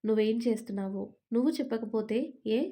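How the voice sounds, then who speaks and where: Lovestruck devoted man, voiced by a woman storyteller; soft, affectionate, mellow. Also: on the high side, steady tone, fairly quick, close to an everyday voice. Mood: tender.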